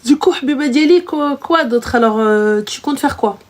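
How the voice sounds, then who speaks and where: A woman that has hosts a live advice chat in a fairly high voice. She is blunt and teasing, and she keeps calling the caller "ma chérie.". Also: moderate pace, background noise. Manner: blunt, teasing, says "ma chérie" often, mixes in Arabic words. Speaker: host giving advice to a caller.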